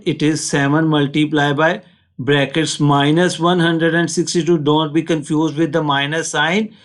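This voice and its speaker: A man with a Pakistani accent teaching a maths lesson step by step, in a patient, instructional way. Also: fairly high pitch.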